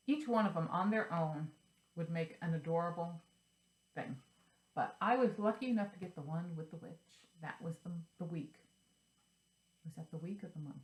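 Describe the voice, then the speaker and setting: A middle-aged woman vlogging about cross-stitch in a chatty, rambling way, repeating herself as she talks. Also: on the low side. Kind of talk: casual show-and-tell chat. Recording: roomy sound from a distance.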